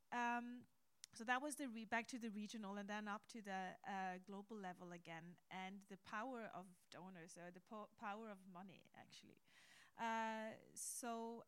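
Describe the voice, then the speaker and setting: A woman interviewee explaining policy thoughtfully, often pausing to search for words mid-sentence. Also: medium pitch, smooth.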